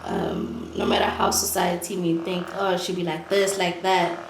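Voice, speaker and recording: Woman guest, expressive and exclamatory, slow and animated, echoey room with faint noise. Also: fairly low pitch, vocal fry. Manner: expressive, exclaims a lot, laughs easily. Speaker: guest patient, dancer. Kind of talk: casual chat.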